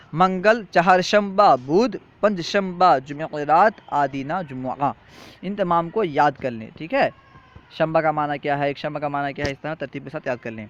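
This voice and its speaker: A male teacher giving a language lesson, reciting lists slowly and explaining patiently, often checking in with the students. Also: on the high side, muffled recording. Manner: patient, repetitive, checks in with "theek hai?".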